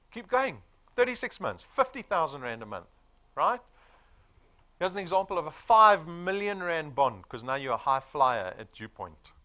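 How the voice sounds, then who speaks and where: A roughly forty-year-old South African man gives a motivational sales presentation to an audience. His bright, punchy tone rides wide pitch swings as he argues emphatically and persuasively, frequently checking in with rhetorical questions.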